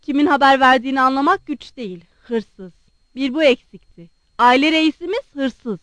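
A bitter, irritable young man snaps and scoffs in a high, clipped voice, as a woman reads him in an audiobook. The sound is dry and close, with no room around it. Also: moderate pace, fairly bright tone, no room sound. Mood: agitated. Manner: scornful, agitated outbursts. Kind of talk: audiobook character reading.

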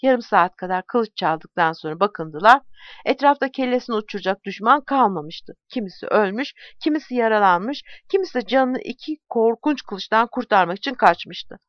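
A woman reading a historical story aloud in an expressive, dramatic way. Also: medium pitch, normal speed, no room sound, highs cut off.

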